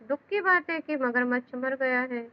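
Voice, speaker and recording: एक महिला पढ़ती है चतुर गीदड़. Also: female voice, high-pitched, normal speed, close to an everyday voice. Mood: wary. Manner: reads in a plain, explanatory voice. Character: cunning, wary male jackal. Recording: dull lo-fi sound.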